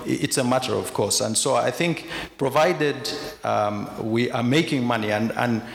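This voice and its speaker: A man's voice: medium pitch, normal speed, creaky. A man from Uganda speaking as a panelist at a conference, making a candid, argumentative case with frequent restarts. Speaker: panelist, investor. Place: large conference hall with audience. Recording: echoey hall, faint noise.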